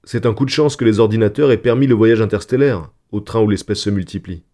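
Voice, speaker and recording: A cheerful, confident father, read by a man speaking in a hearty, emphatic way. His voice is lowish and mellow, lifted a little above the narration. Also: quick pace, natural voice. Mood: reassuring. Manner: hearty, emphatic reassuring delivery.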